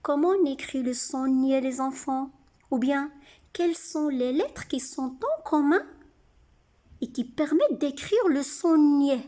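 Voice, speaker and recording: A woman teaching young children to read, sounding out syllables slowly and clearly. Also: sits high, expressive, warm tone. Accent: French-speaking North African. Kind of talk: slow, deliberate reading lesson for children.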